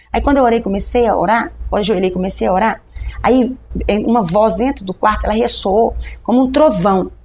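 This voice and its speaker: A woman's voice: on the high side, a little mellow, slight background noise. A middle-aged woman pastor from Brazil, telling her testimony in a podcast interview and acting out the dialogue of the people in her story.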